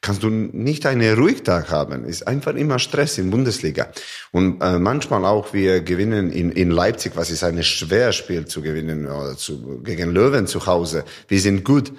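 In a podcast interview, a handball player originally from Montenegro talks in a low-pitched, expressive male voice. German isn't his native language, and his speech is halting and full of fillers.

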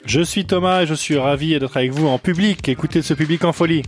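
A man's voice: fairly high pitch, brisk, music in the background. A man co-hosting a casual football podcast, playful and teasing, laughing a lot in front of a small live audience. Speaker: co-host.

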